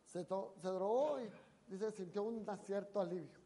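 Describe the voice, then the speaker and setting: A preacher tells a story in a sermon, dramatic, swinging between loud emphasis and hushed asides. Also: mid-range voice, unhurried, breathy edge.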